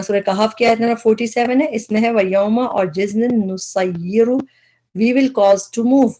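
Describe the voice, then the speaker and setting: A woman's voice: mid-range voice, a little mellow. Woman teaching word by word, patient. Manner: patient, explains step by step, mixes in English terms. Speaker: Quran word-study teacher. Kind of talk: explanatory lesson.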